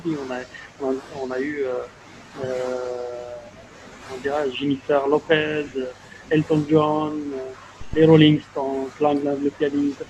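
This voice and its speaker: A man moderating an online panel discussion over a video call, speaking in a halting conversational way full of fillers and repeated words. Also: on the high side. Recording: dull lo-fi video call audio with faint noise.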